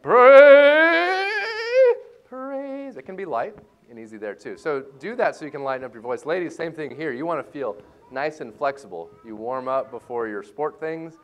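A man leading a church music lesson for a class, joking and playful as he explains reading music and warming up voices. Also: medium pitch, lively intonation, a little fast. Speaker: music teacher. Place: church hall.

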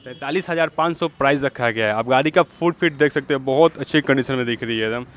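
His mid-range voice has a fairly bright tone and a quick pace. The young man hosts a lively walk-through vlog of an outdoor used-vehicle lot, echoing the seller's answers into a handheld lapel-style mic.

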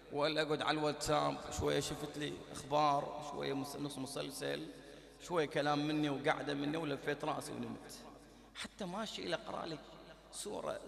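A man preaching a sermon, dropping to hushed asides and rising to loud emphatic bursts. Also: on the high side, vocal fry. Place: large hall. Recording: echoey hall reverb.

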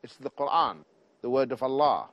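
A middle-aged man giving a televised religious lecture, exhorting his listeners in deliberate short phrases. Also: mid-range voice, animated, lo-fi sound. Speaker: Islamic preacher.

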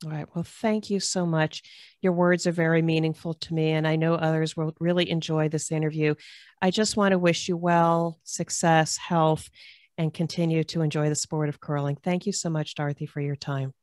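A woman's voice: low-pitched, level tone, moderate pace, dry recording, clean studio sound. A middle-aged woman interviewing a guest over a video call, speaking into a desk mic from a home office in an encouraging, polished way. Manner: warm, encouraging, polished phrasing. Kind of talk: friendly recorded interview. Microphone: microphone at desk on a video call.

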